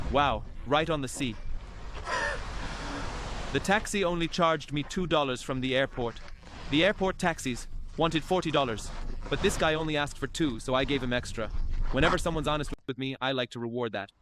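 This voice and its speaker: A man's voice: a little high, moderate pace, long pauses, noisy background. A man narrating his travel vlog in an upbeat, chatty storytelling way. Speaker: travel vlogger.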